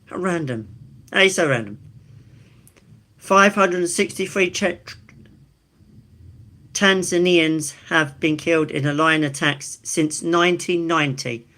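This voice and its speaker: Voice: mid-range voice, unhurried, long pauses, sharp tone. A live stream host with an Essex accent, casually reading things out and adding chatty, informal asides. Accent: Essex, England. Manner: chatty, informal, reacts to each fact with amused asides.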